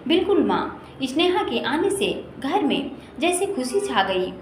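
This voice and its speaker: A woman reading a family story aloud as a storyteller, steady and expressive. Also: sits high, a little slow. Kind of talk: storybook narration. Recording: echoey room with faint noise.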